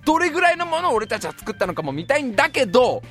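A man hosting a show, telling a funny childhood story in a casual, slangy way and dropping to a hush for suspense. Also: very high-pitched, rapid-fire, faint music behind. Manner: animated, comic, slangy, drops to a hush for suspense. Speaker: podcast host.

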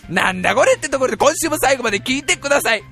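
A man in his twenties hosting a talk show, telling a self-deprecating story in an exaggerated, animated way. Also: extremely high pitch, racing, soft background music. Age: 20s. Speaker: radio show host. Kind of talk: comedic storytelling monologue.

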